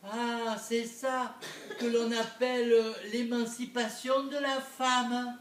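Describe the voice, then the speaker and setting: A man's voice: very high voice, little pitch movement, takes it slowly. A man playing a meek, weary husband. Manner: mild, mildly shocked interjections. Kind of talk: live stage comedy acting. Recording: echoey stage recorded from far off.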